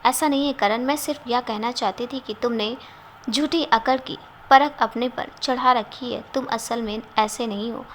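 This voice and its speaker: An outspoken, caring young woman with a sharp tongue, as a woman reads her lines in a story. She talks in a scolding, direct way, in a fairly high voice, with a light hiss in the background. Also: steady tone, normal speed, close to an everyday voice.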